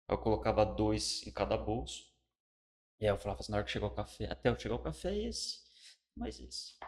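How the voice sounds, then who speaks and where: A middle-aged Brazilian man with a lowish voice tells his testimony in loose, colloquial speech. He is a pastor, a guest on the show, and recounts it with animation, going quiet and hushed at the solemn moments. His Brazilian Portuguese accent is plain throughout. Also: vocal fry. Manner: colloquial, animated storytelling, drops to a hush for solemn parts. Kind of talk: personal testimony in casual conversation.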